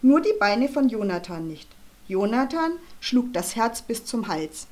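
Woman reading kids story out loud, lively, bit higher voice. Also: measured pace. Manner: lively, expressive. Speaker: audiobook reader. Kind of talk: children's book narration.

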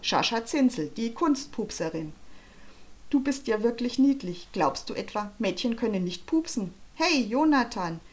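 A woman's voice: a little high, animated, measured pace. A woman reading an audiobook, voicing a cheeky, confident young girl who talks boldly and boastfully. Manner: bold, bubbly, boastful. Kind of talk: audiobook character voice.

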